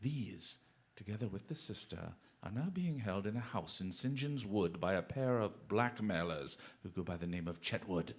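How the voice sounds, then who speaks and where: An actor in a radio drama plays a brilliant English gentleman detective who is playfully self-assured and given to eloquent, exclamatory flourishes. Speaking on the low side, expressively and at a moderate pace, he lays out an explanation.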